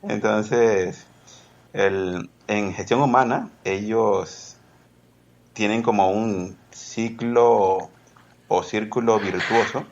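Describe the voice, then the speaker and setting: Gravelly, low man on a lo-fi line. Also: drawn-out words, slight background noise. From Peru. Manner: rambling, self-correcting, laughs easily. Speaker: guest. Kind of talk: casual podcast interview.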